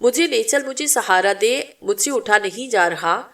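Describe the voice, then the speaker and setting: A woman's voice: fairly high pitch, lively intonation, measured pace, fairly bright tone, distant mic. A woman voicing a frail, blind old woman who calls out anxiously in a story narration. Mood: frantic. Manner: anxious calling out.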